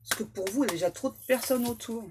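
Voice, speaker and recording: A woman's voice: fairly high pitch, quick pace, noisy background. Playful slangy woman reading tarot. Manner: playful, slangy, joking asides to her guides. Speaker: tarot medium. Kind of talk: casual tarot reading to camera.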